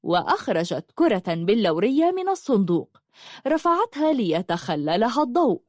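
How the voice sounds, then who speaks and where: Woman reading a novel aloud, lively up-and-down pitch, very dry close sound. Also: normal speed, no echo. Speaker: audiobook narrator. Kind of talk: scripted narration.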